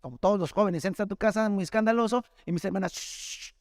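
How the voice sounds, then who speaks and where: A pastor with a Mexican Spanish accent preaches a sermon built around his personal testimony, speaking in a high, racing voice. His delivery is conversational storytelling, often calling listeners "brother," and the recording is dry and clean, studio-grade.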